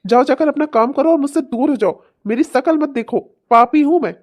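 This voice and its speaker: A woman voicing a guilt-ridden husband and father of two in a cartoon drama, harsh and shouting, then sunk in self-blame. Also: on the high side, steady tone, normal speed, close to an everyday voice. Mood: angry. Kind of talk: cartoon voice acting.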